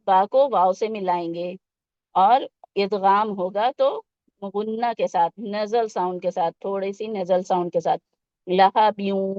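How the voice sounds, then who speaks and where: A woman gives a patient, step-by-step recitation lesson to children, checking whether they follow and slipping English words into her explanations. Her voice sits at an ordinary middle pitch. The recording is dull, lo-fi and dry, with no room sound. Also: dry recording. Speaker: Quran teacher for children. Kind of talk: tajweed lesson with slow recitation.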